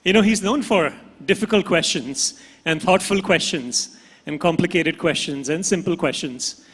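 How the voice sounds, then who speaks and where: A man's voice: on the high side, normal speed, fairly bright tone, slightly rough. A man with an Indian accent hosting a live pageant on stage. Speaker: pageant host. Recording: long hall reverb from stage PA.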